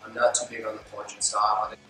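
Flat-voiced man of twenty-two, echoey. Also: lowish voice, quick pace. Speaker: interviewee. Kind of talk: seated interview. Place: studio with gray backdrop. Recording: very echoey, mic off at a distance, music bed.

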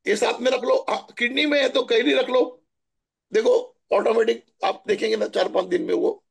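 A middle-aged man from Maharashtra telling stories in a chatty, animated way during a spiritual talk. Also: very high voice, moderate pace, creaky, husky. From Maharashtra, India. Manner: chatty, animated storytelling with asides. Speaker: spiritual guest answering questions.

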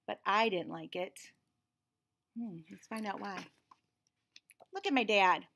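Speaking slowly in a mid-range, creaky yet fairly bright voice, an American woman in her forties reads a picture book to young children. She reads expressively as a read-aloud host and teacher and adds friendly teaching asides. She is in a small room indoors, surrounded by shelves and cabinets.

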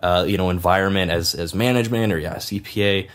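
A man's voice: deep voice, quick pace. A man hosting an interview, talking in a loose, rambling conversational way. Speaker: podcast host. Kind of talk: casual interview chat.

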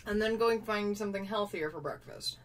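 A woman's voice: mid-range voice, fairly quick. A young woman vlogging casually, playful and self-mocking, sometimes talking with her mouth full. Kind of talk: casual unboxing vlog. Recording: distant mic with faint room noise.

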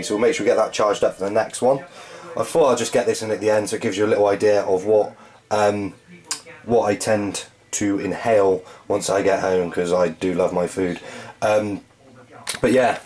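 A young man in his twenties, vlogging about his gym session in a laddish, joking way. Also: fairly low pitch. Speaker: fitness vlogger. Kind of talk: casual vlog chat. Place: car at night, then gym, then home kitchen. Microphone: handheld camera.

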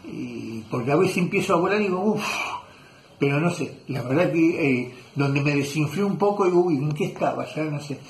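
A man's voice: on the high side, animated, normal speed, darkish tone, slight background noise. A man with an Argentine accent, a leatherwork teacher chatting casually in his workshop, rambling and correcting himself with lots of fillers. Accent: Argentine Spanish. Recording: echoey workshop room.

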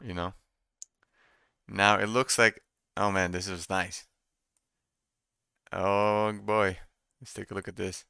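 A young man doing casual live trading commentary, thinking out loud and repeating his phrases as he muses. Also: fairly low pitch, level tone, slow, gravelly, long pauses, clean tone, no room sound, clean studio sound. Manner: repeats phrases while musing to himself. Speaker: day trader streaming live. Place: small room indoors at a computer desk.

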